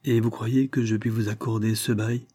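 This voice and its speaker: A man's voice: fairly low pitch, level tone, normal speed, dark tone, husky. A man voicing a newly titled lord in an audiobook, curt and decisive. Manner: curt, decisive, brooks no reply.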